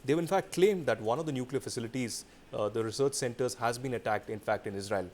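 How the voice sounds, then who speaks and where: A man's voice: mid-range voice, fast talker, darkish tone, a little hiss or hum. A man hosting a formal news interview, putting long, pointed questions with an emphatic build-up. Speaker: news interviewer, show host.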